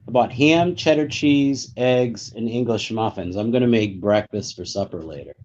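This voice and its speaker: A man's voice: mid-range voice, moderate pace, darkish tone. Easygoing man on a muffled stream. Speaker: livestream co-host. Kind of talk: casual livestream chat.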